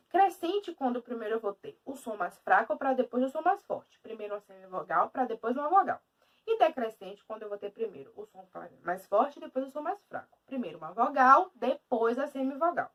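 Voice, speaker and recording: A woman teacher with a Brazilian Portuguese accent giving a video lesson in an emphatic, lively way. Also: high voice, distant mic.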